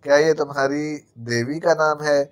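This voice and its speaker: A man's voice: on the high side, steady tone, close to an everyday voice. Brief: jumpy, wisecracking male servant in an audiobook drama, stutters under fright, read by a man. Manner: stammering, quick-tongued sarcasm. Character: jittery comic male servant, quarrelsome.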